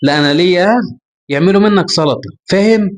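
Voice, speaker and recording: A defiant young Egyptian woman snaps quick, sharp retorts in a raised voice, as a male storyteller puts her on. Her words tumble out fast and scornful. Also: high voice, pitched above the performer's own voice, natural voice. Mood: angry.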